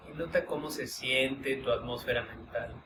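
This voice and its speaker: A man leading a live workshop, walking listeners through a guided mindfulness exercise in gentle, unhurried instructions with pauses. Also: medium pitch. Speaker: workshop leader. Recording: roomy hall sound, distant mic, background noise.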